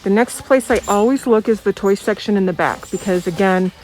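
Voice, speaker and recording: A woman's voice: medium pitch, brisk, darkish tone. An American woman chatting casually as a vlogger, her voice muffled by the face mask over her mouth. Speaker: vlogger, doll dealer. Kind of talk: casual chatty vlog narration. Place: inside a thrift store. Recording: muffled voice, faint background noise.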